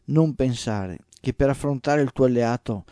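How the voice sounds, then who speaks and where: A man voicing an old male sorcerer teacher who speaks calmly with light teasing. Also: mid-range voice, normal speed, clear, resonant tone, dry recording, clean studio sound, natural voice. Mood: dry, instructive.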